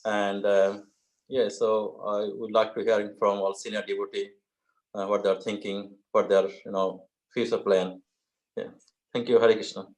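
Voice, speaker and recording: A man opening a video meeting in a halting way, full of fillers. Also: fairly low pitch, little pitch movement, a little mellow, poor audio. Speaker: meeting convener. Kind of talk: opening remarks on a video call. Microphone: video call.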